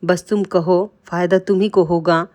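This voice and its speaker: A woman's voice: on the low side, steady tone, unhurried, darkish tone, dry recording, lightly acted. A woman reading aloud the lines of a cunning male royal minister in a storybook tale, in sly and persuasive dialogue.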